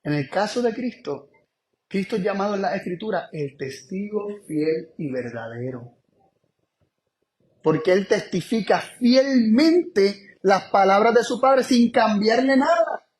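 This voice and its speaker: A man preaching a Bible study sermon in an emphatic way, repeating key phrases and moving between slow, stressed words and quick asides. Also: high voice, animated, darkish tone.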